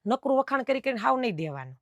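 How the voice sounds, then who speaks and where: A woman's voice: fairly high pitch, sing-song, rapid-fire, a bit bright, no echo, studio quality. A middle-aged woman who runs a dress fabric shop, chatting at length to camera about fabric cuts and quoting her customers. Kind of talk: casual talk to camera explaining fabric cuts.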